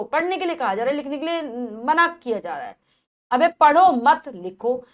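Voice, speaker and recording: A woman's voice: sits high, fairly bright tone. A woman teacher explaining a grammar lesson to children, patiently repeating and rephrasing each point.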